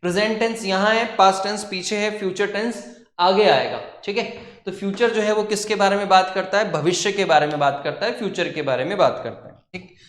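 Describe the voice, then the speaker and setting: A man's voice: sits high, brisk, a bit bright, echoey room. A man teaching a coaching class, telling a joke and explaining grammar in a chatty style, often checking in with "okay". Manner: chatty, storytelling, says "ठीक है" often.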